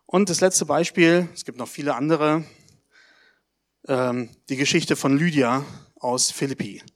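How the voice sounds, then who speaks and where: A man giving a baptism sermon, telling stories lively and putting questions to the congregation. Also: a little high. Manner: addresses the congregation directly, asks questions; lively storytelling, with pauses and hesitations. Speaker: pastor.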